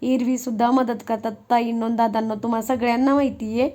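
Young woman vlogging, kinda high voice, chatty and homey. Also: level tone, fairly quick, warm tone. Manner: chatty, homely, talks straight to viewers. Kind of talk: casual vlog narration.

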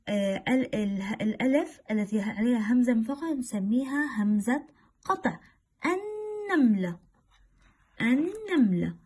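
A woman teaching young children, her voice a little husky and higher than most. She sounds out words and letters slowly and lets her pitch rise and fall widely, asking questions and answering them herself. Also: a little mellow. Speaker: primary school teacher. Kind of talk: reading and explaining a lesson to young pupils.

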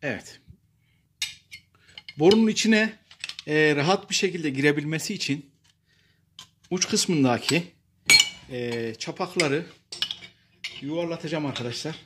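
A man calmly talking viewers through a repair job step by step, pausing often with fillers as he works. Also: a little high, heavy background noise. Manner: plain and unhurried, addresses viewers as friends, frequent filler pauses. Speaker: DIY repair presenter. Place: workshop bench and outdoor paved yard.

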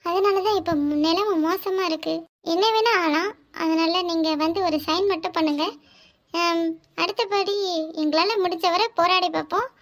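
A woman voicing a brisk, stern hospital nurse in a cartoon, with a southern Tamil Nadu accent. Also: very high-pitched, steady tone, a bit bright. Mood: businesslike. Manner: businesslike, curt.

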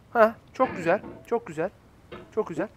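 High-voiced young Turkish gamer muttering. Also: male voice, measured pace, a bit bright, slight background noise. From Turkey. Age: 20s. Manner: talks to himself, coaxing and fretting. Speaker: gaming YouTuber. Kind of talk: casual gameplay commentary.

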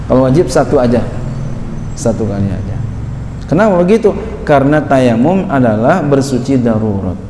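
Middle-aged man, religious teacher, mellow voice, reads and translates line by line, roomy hall, faint traffic behind. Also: mid-range voice, big pitch swings, moderate pace. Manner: reads Arabic text then translates line by line, coaching students step by step. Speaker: kyai teaching a classical book. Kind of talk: religious lesson with live demonstration.

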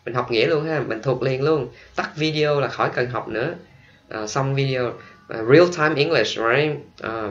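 A man with a Vietnamese accent teaching English vocabulary, explaining quickly, then drawing out each model word slowly for students to repeat. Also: mid-range voice, a bit bright, highs cut off. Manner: switches between quick explanations and slow drawn-out model pronunciations. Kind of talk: classroom vocabulary lesson.

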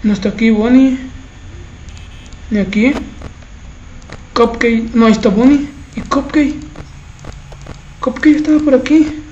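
High-pitched woman playing a scary game, slow nervous muttering to herself, muffled lo-fi sound with faint noise. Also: darkish tone. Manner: tense self-talk, muttering and frantic exclaiming. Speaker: gaming channel host. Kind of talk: horror game commentary.

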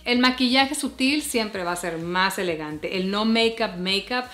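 A woman's voice: mid-range voice, measured pace. Forties woman vlogger, friendly advice to camera, recorded in an echoey bedroom. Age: 40s. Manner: warm chatty tips, addresses viewers as "hermosas". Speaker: fashion and beauty vlogger. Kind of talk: casual advice vlog to camera. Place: bedroom, seated before a bed. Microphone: camera at chest framing. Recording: roomy bedroom echo.

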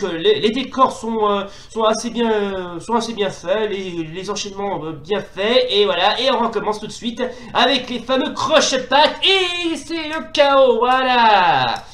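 High, excitable man commenting on gameplay. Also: moderate pace, hardly any pauses. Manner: hesitant, many fillers and restarts; excitable exclamations during fights. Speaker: retro gaming video host. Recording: roomy echo.

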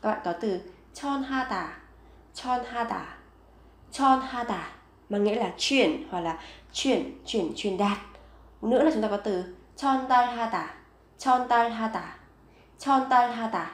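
High-voiced woman teaching vocabulary. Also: roomy sound. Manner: repeats each word slowly and clearly. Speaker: Korean language teacher. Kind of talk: vocabulary lesson.

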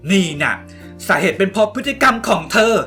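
A woman's voice: medium pitch, sing-song, fairly quick, a bit bright, faint music behind. A woman voicing a strict, stern little floating fairy girl who scolds.

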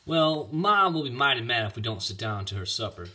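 A man's voice: medium pitch, sing-song, fairly quick, bright, forceful tone, a little hiss or hum. A man doing a drawling country farmer. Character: plain-spoken slow rural farmer man.

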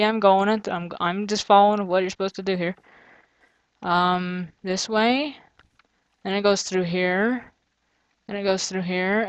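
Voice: medium pitch, clear, resonant tone, no echo, highs cut off. A gamer giving casual let's-play commentary, thinking aloud, grumbling and joking sarcastically. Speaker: gamer playing through a custom map.

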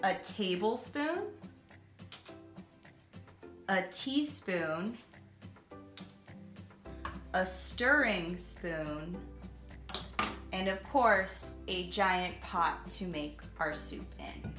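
Over background music, a young woman with a fairly low voice talks extremely slowly with long pauses, and the sound echoes. She's a cooking teacher giving kids a lesson in her home kitchen, guiding them warmly through making soup one step at a time.

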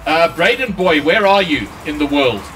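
A man's voice: on the high side, very animated, moderate pace, fairly bright tone, far from the mic, faint music behind, low-quality recording. A man commenting on his own gameplay during a live stream, his voice run through a voice changer. He chats with viewers between plays and swears when things go wrong. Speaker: gaming streamer.

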